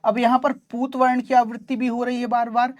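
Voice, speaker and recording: A woman's voice: a little high, level tone, brisk, a little mellow. A woman teacher giving an online class lecture in Hindi, explaining patiently and checking in often with her students, whom she calls child. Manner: addresses students affectionately as child.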